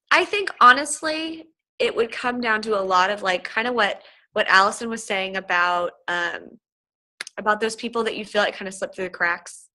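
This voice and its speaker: Gushy, bright-voiced woman on a video call. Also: medium pitch, low-quality recording. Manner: chatty, many fillers and restarts; gushing and effusive. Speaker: featured guest answering team questions. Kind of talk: casual chat on a video call.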